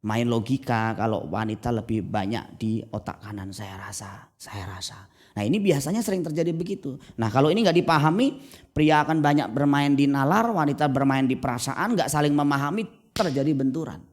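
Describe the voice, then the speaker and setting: A man preaching a sermon as pastor at a church service, telling stories with lively energy and acting out the voices of husbands and wives. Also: medium pitch, a little fast. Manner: lively storytelling, acts out spouses' voices.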